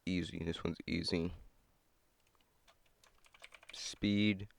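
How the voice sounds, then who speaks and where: A young man with a low, creaky, nearly monotone voice speaks very slowly into a cheap desk mic, muttering and scolding himself as he sets up a computer game. It's casual gameplay commentary, a gamer thinking out loud.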